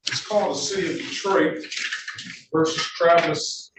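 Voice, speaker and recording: A man presiding as a judge, speaking briskly and firmly, cutting people off to keep proceedings moving, in a courtroom recording. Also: a little high. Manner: brisk and firm, cuts people off. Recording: echoey courtroom audio from a distant mic, noisy.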